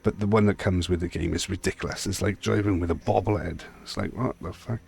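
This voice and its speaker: Deep gravelly Welsh man talking settings. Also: fairly even intonation, a little fast, a little mellow, faint music behind. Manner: blunt, rambling, offhand. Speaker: sim racing video host. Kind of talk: casual game settings walkthrough.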